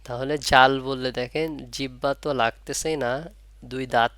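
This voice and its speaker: Clear-voiced Quran reading teacher, man. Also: medium pitch, fairly even intonation, fairly bright tone, no room sound. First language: Bengali. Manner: repeats points, asks pupils rhetorical questions; drawn-out demonstration of letter sounds. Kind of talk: online Arabic letter lesson.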